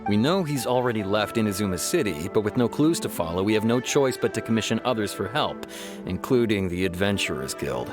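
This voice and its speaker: A man's voice: on the low side, very animated, music in the background. A man voicing a formal, firm city official in a video game. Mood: stern. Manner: formal, measured.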